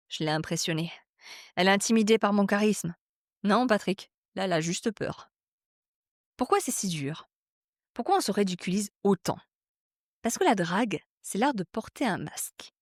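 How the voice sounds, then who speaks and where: A woman hosting a podcast in a comic monologue, mocking and animated, swinging between loud punchlines and soft asides. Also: mid-range voice, no room sound, studio quality. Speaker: podcast host.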